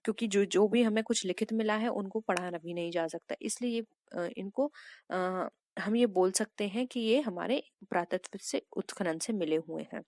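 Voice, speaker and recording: A woman's voice: medium pitch, moderate pace, a little mellow, dry recording. A woman teaching an exam prep lesson, walking step by step through multiple-choice answers and addressing viewers as friends.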